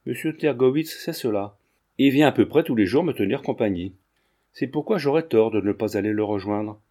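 A poised foreign countess speaks in a cool, clipped, faintly dismissive manner, voiced by a man raising his pitch. Her tone stays mellow and unhurried. She sounds sure of herself and keeps everyone at arm's length. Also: animated, close to an everyday voice.

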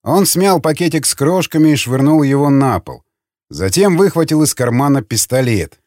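A man narrating an audiobook in an expressive reading voice. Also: fairly high pitch, moderate pace, no room sound, clean studio sound. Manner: expressive, voices many characters.

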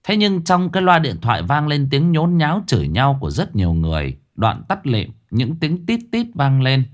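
A man narrating a ghost story in a dramatic, expressive way. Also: fairly high pitch, moderate pace.

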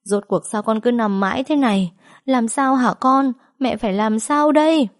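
Woman doing sobbing older mom begging her son to wake up, voice pushed up high. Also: moderate pace, close to an everyday voice. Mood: sobbing plea. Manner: sobbing, pleading.

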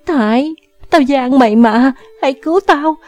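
Woman doing a ghost girl begging to be saved, high pleading voice, audiobook. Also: normal speed, a little mellow, no echo, faint music behind, close to an everyday voice. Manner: begging, desperate. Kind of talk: audiobook character voice.

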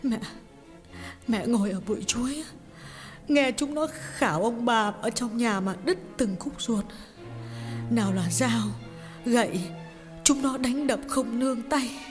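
A grieving mother in an audiobook drama tells a painful family story, her voice somewhat high and halting as words repeat through her tears, performed by a woman. The recording has a long, echoing reverb with music playing softly behind her. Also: lightly acted. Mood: anguished. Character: grieving middle-aged mother recounting a family tragedy.

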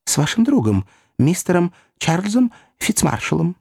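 A man doing a flustered old gentleman, desperate and loud, his voice pushed up high and strained. The reading is lively and full of swings, with a gravelly edge in a dry, close sound. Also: moderate pace, no room sound, full character voice. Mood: earnest. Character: flustered portly elderly English gentleman, pleading.

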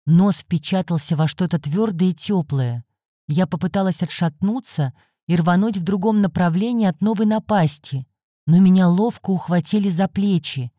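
A woman reading a first-person story as an audiobook narrator, measured and steady. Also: on the low side, dry recording, studio quality.

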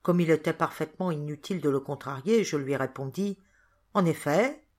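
A woman reading a first-person novel aloud as a volunteer audiobook narrator, with expressive storytelling. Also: sits low, brisk. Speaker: audiobook reader. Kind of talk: scripted narration.

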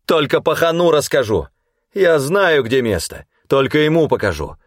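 A man voicing a frantic, ragged young male scavenger who shrieks and pleads in a shrill, crazed way. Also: very animated, a little slow, no echo, studio quality. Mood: boastful.

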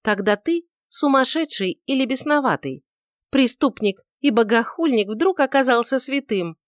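Woman reader doing a proud young beauty, mocking, high and loud, dry recording. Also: animated, moderate pace, no room sound. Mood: scornful. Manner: mocking, defiant.

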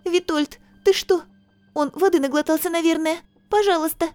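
Woman voicing a high-pitched frantic young woman. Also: fairly even intonation, moderate pace, a little mellow, faint music behind. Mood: pleading. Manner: high pleading voice. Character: frightened excitable young woman. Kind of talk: audiobook character voice.

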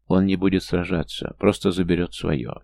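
Male audiobook narrator, deep and gravelly, mellow dark tone. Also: fairly even intonation, moderate pace. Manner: reads every character's lines himself, lifting his pitch for younger or smaller figures. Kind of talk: scripted fantasy narration.

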